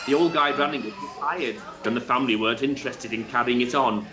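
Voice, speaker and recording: A Welsh actor in an audio drama, playing a friendly, mild-mannered middle-aged former truck driver who speaks politely and plays himself down. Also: male voice, medium pitch, quick pace, natural voice. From Wales. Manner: mild, polite, self-deprecating.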